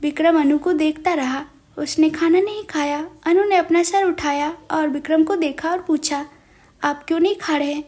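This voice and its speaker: High-voiced woman storyteller. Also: normal speed, few pauses, darkish tone. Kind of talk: scripted story narration.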